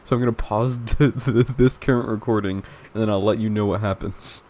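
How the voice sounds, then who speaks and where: Young man, podcast co-host, low-pitched, rambling, self-interrupting, deadpan teasing. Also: fairly quick. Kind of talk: casual chat.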